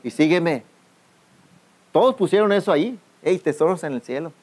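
Male pastor, slightly high voice, preaching to a youth camp and calling for answers from the crowd. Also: expressive, quick pace, a little mellow. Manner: calls out to the congregation for responses; keeps addressing listeners as brother. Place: outdoor youth camp gathering.

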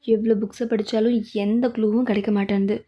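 A woman voicing a tired, stubborn young male scholar who speaks in a low, subdued way in a storybook-style drama reading. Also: level tone, a little fast, warm tone, lightly acted.

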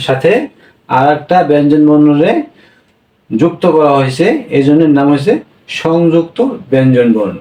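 A man with a fairly high voice teaches a beginners' language class, going over each point slowly and repeating it. He sounds a little away from the mic, in an echoey room. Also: darkish tone, far from the mic. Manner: explains slowly, repeats points, checks with "হ্যাঁ?". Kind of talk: classroom-style lesson.

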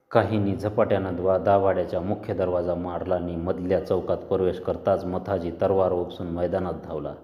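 A man narrating an audiobook story in a dramatic storytelling manner, recorded with a roomy, dull hall reverb. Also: low-pitched.

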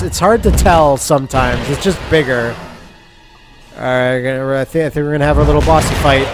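A young man with a high voice narrates a video game playthrough in an excitable, crude, joking way. He breaks into loud bursts now and then, with clear music behind him. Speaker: gaming commentator. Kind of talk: let's play commentary.

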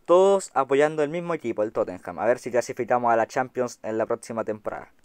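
A man with a Chilean Spanish accent giving excitable, chatty gameplay commentary to his viewers, swearing casually. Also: mid-range voice, fast talker, clear, resonant tone, dry recording. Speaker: gaming YouTuber.

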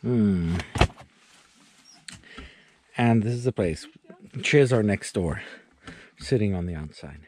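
A vlogger in his thirties films himself on a handheld action camera held at arm's length, chatting plainly about the weather and his plans for a casual camping vlog, both inside a tent and out in a snowy field at a campsite. His fairly low, slightly mellow voice is animated but slow, with frequent pauses and a little hiss or hum.

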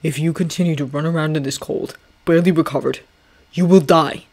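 A woman's voice: deep voice, steady tone, brisk, darkish tone. A woman voicing a stern older male general who gives firm, clipped orders.

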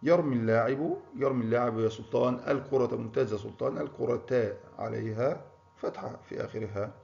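A man's voice: mid-range voice, fast, gravelly, a little mellow. A man teaching a primary school grammar lesson, encouraging pupils and praising them by name. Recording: muffled lo-fi recording.

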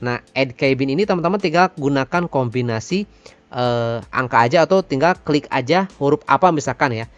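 A man's voice: mid-range voice, a little fast, no echo, lo-fi sound. Casual man presenting a tutorial. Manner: informal, addresses viewers as friends.

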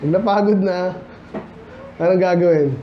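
High-voiced Filipino preacher, lo-fi. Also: male voice, unhurried. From Philippines. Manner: conversational, often calls out for amens from the congregation; mixes English phrases into his talk. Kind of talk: midweek Bible study sermon. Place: church hall. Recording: dull lo-fi church recording with faint noise.

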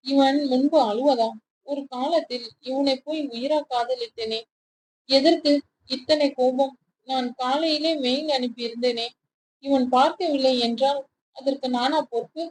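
A hurt young woman office worker asks herself questions in a wounded voice, read by a woman narrator pitched high. Faint noise sits under this storybook reading. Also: steady tone, unhurried, darkish tone, rough recording.

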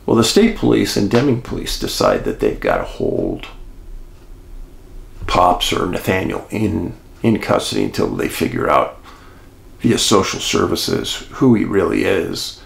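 A man hosting and telling a true-crime mystery story in an animated way, speaking straight to his listeners. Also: low voice, a little slow, vocal fry, echoey room. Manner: animated, addresses listeners as folks. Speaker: host and storyteller.

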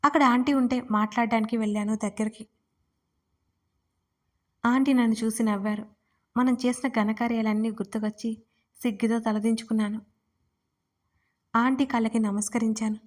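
A woman narrating her own first-person romance story in a steady, intimate reading. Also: fairly high pitch, normal speed, pauses often. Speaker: writer and narrator.

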